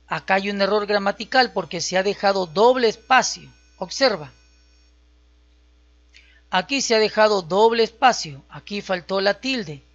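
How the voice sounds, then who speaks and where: A teacher narrates a screen-recorded software lesson at a mid-range pitch. The delivery is patient and goes one step at a time, with frequent check-ins. The audio is a bit dull and lo-fi. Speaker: computer skills instructor. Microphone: voice-over on a screen recording.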